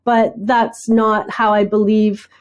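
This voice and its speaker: A middle-aged woman talking as a podcast guest, telling animated stories, acting out bits of dialogue and often checking in with "right?". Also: medium pitch, slow, dull audio. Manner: animated storyteller, acts out dialogue, frequent "right?". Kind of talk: conversational interview.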